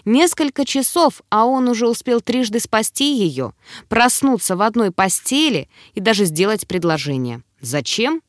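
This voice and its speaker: A woman narrating a fantasy novel aloud in an expressive, dramatic first-person reading. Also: a little high, moderate pace, dry recording, clean studio sound. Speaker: audiobook narrator.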